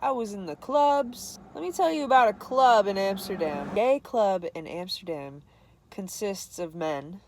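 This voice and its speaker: A woman's voice: medium pitch, expressive, measured pace, a little hiss or hum. A young woman vlogger telling a candid, self-deprecating story to camera, laughing often.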